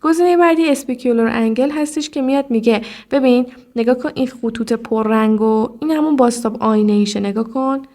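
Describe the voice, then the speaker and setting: Female tutor, slightly high voice, casual step-by-step screen tutorial, talks straight to the viewer. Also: a little mellow. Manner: explanatory, addresses viewer directly, frequent "look". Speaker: video editing tutor.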